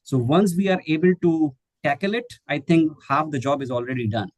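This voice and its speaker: This is a slightly high, slightly fast male voice with no room sound. The speaker, a middle-aged Hindi-speaking man from India who trains English teachers, is a guest fielding questions in an online webinar, and he hesitates often, with plenty of fillers and false starts.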